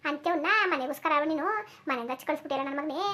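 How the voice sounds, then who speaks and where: A woman voicing a sharp-tongued old village grandmother in a cartoon, scolding and cursing without pause. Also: sits high, steady tone.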